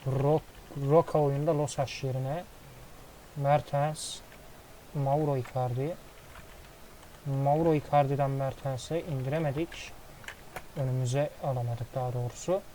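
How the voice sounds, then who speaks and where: Excitable man calling a football game. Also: medium pitch, a little slow, long pauses, slight background noise, poor audio. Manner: excitable play-by-play, swears casually. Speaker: gaming commentator. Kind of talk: casual football game commentary.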